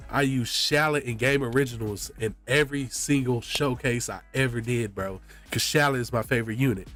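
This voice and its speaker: Stuffy-nosed man chatting casually on stream. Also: medium pitch. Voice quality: congested, stuffy nose. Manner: slangy, often says "bro". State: sick with a blocked nose. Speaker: game streamer. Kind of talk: casual chat to stream viewers.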